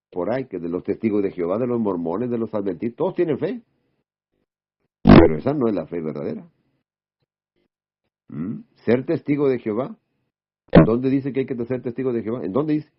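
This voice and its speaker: A man giving an informal sermon, firing off rhetorical questions and checking in with a quick "mm?". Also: mid-range voice. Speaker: preacher. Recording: dull lo-fi recording.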